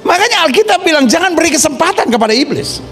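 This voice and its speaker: Pendeta pria, khotbah penuh gaya, suara tinggi dan naik-turun, musik samar di latar. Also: male voice, extremely high pitch, quick pace, soft background music. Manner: animated, acts out scenes with put-on voices, asks the congregation questions. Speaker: pastor. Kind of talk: lively sermon.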